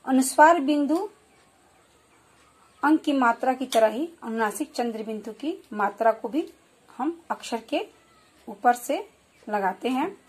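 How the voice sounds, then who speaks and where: Woman, high husky voice, patient primary-school lesson delivery. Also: animated. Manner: slow, clear explaining with repeated example words. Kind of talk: children's Hindi lesson.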